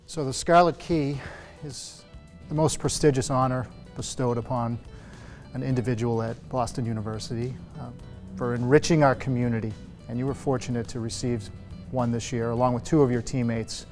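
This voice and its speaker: Measured male interviewer. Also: mid-range voice, steady tone, a little mellow, faint music behind. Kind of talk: sit-down interview.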